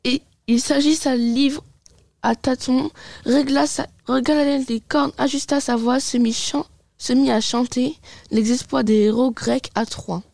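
Woman, halting story reader, slow, gravelly, mellow tone. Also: high voice, fairly even intonation, no echo. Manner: halting, with many restarts. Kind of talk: reading a story aloud.

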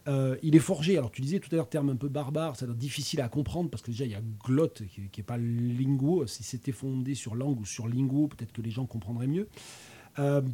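A man's voice: mid-range voice, a little fast, dark tone, slightly rough. A man in his fifties with a regional French accent, hosting a casual chat, hesitant, with many fillers and restarts. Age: 50s. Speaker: host.

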